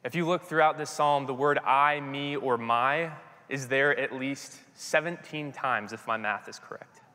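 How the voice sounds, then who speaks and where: A man preaching a sermon and reading scripture slowly and earnestly, his phrase endings dropping soft and quiet. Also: medium pitch, in a large hall. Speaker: pastor.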